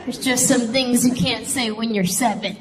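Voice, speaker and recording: Young woman comedian, stand-up set, higher voice, animated, live crowd laughing behind. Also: normal speed. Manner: animated storytelling with shouted kid voices. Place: comedy stage before a laughing audience. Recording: live stage audio with crowd noise.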